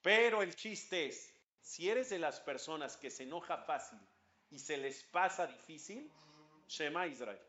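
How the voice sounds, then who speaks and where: A man, a rabbi giving a lively religious class, questioning his listeners and chanting Hebrew prayer lines. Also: high voice, muffled recording.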